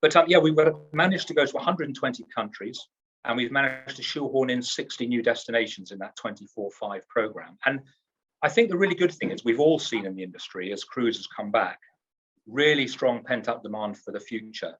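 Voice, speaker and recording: A man's voice: mid-range voice, fairly quick, a bit bright, breathy edge, lo-fi sound. A man from the UK, a cruise line executive in a trade interview, talks up his company in an upbeat, salesy way and often restarts his words.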